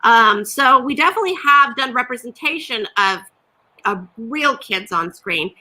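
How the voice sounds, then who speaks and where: Guest panelist, woman, very bright voice, fairly high, lively, on a video call. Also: normal speed. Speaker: television executive guest.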